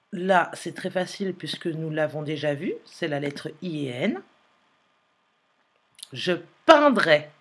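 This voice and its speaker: A woman teacher, slowly dictating a sentence and spelling out letters in a phonics lesson. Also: fairly low pitch, breathy edge. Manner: slow, careful dictation, repeating and spelling letters aloud.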